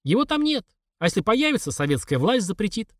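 A man doing a calm, amused lanky stranger. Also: high voice, fairly quick, no echo, studio quality, pitched above the performer's own voice. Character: tall lanky mysterious stranger smoking a pipe, calm.

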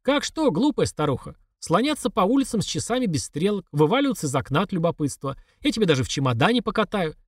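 A man voicing a tall, lanky, mysterious stranger who talks calmly and with amusement. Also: high voice, quick pace, hardly any pauses, no room sound, clean studio sound, pitched above the performer's own voice. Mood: amused.

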